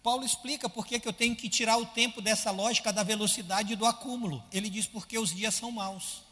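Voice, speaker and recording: Fast and high-voiced, a pastor gives an animated sermon, acting out his listeners' complaints and peppering the congregation with rhetorical questions, his voice filling a big room.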